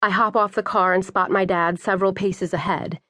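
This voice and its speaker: A woman narrates a first-person audiobook with a wry, brisk delivery. Her voice sits at an ordinary middle pitch. The sound is dry and close, with no room around it. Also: fairly even intonation, sharp tone, no room sound.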